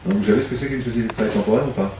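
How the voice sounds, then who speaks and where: A man's voice: lowish voice, rapid-fire, warm tone, a little hiss or hum. A man from the Paris suburbs who runs a temp agency, giving a humorous, self-mocking talk at a public debate and chatting with the audience. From Paris suburbs, France. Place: community hall. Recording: echoey hall from far off.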